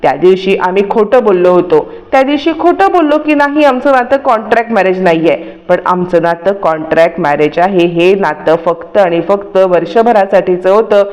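A woman's voice: medium pitch, expressive, moderate pace, few pauses, darkish tone, natural voice, poor audio. A woman voicing a resolved young wife who explains herself earnestly in a soap recap.

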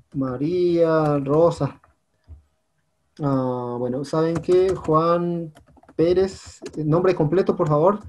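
High-voiced teacher man. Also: a little mellow. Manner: patient, repeats "compañeros" and "¿sí?" often. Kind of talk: online class instructions.

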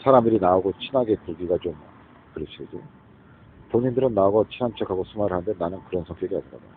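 A man's voice: low voice, racing. A man from the region, rambling in a monologue outdoors on a street, often asking "eh?" and slipping in English phrases. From Gyeongsang region, South Korea. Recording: tinny phone-like sound with faint street noise.

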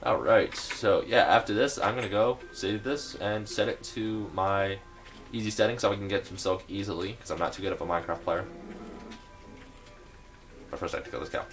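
A man's voice: on the low side, moderate pace, soft background music. A young man casually narrating his game building, rambling with lots of fillers and hesitations. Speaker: gameplay video maker.

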